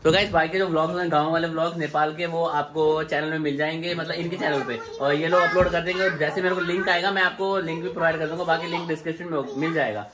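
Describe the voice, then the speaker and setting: A man's voice: a little high, steady tone, fast, few pauses, noisy background. Chatty man vlogging to camera outdoors. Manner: chatty, addresses viewers directly. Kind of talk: casual family vlog talk.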